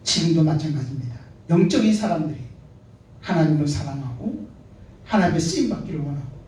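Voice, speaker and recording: A man's voice: a little high, expressive, fairly quick, mellow, a little hiss or hum. A male pastor preaching a sermon, asking the congregation rhetorical questions and pressing his points. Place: church sanctuary. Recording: echoey church hall from far off.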